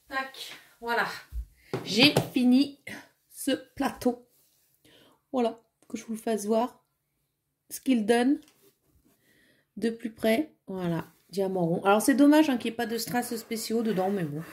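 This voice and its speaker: A woman's voice: on the high side, takes it slowly, long pauses, a little mellow. A woman chatting casually at home while assembling a craft kit, thinking aloud with fillers and small "tac" sounds. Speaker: crafting vlogger. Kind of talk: casual hands-on crafting chat.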